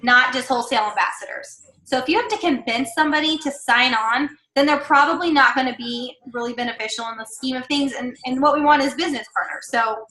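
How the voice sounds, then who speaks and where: A woman's voice: sits high, fast, few pauses, pushed and bright. Woman team leader, casual coaching talk, chatty and upbeat, roomy echo. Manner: chatty, encouraging, many fillers and asides. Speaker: team leader giving sales training.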